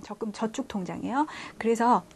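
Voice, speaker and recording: A woman teaching intermediate French conversation in a lecture, explaining phrases step by step and slowing down to read out the French lines. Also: fairly high pitch, darkish tone, husky. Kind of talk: classroom lecture.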